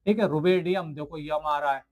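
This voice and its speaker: A man with a fairly high voice gives a recorded science lesson to school students. He keeps asking the class questions, answers them himself and says each key word over again, as if drilling it. He writes on the screen as he talks. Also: fairly even intonation, normal speed. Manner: writes on the screen while explaining. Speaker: teacher. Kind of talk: video lecture to school students.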